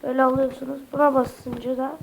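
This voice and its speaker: A high-voiced woman with a slightly sick voice narrates a casual gameplay tutorial. She is chatty and hesitant, filling gaps with "uh" and turning to her viewers as friends. A clear hiss and mouse clicks run under her home desk-mic recording. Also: level tone, quick pace, low-quality recording. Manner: keeps addressing viewers as friends, chatty and hesitant with many fillers. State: slightly sick voice with occasional coughs. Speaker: Minecraft tutorial YouTuber.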